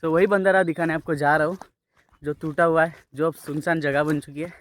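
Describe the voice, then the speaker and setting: This young vlogger's voice sits on the high side, bright-ish and steady, and he speaks briskly with no echo. Mostly outdoors in windy countryside, he chats casually to viewers, switching languages and repeating himself.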